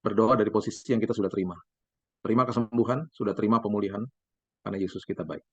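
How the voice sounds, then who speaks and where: A middle-aged male pastor, preaching a sermon emphatically and dropping to a soft, intimate tone for quoted words. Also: on the low side, fairly even intonation, very fast, slightly rough, no room sound. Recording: dry, slightly dull sound.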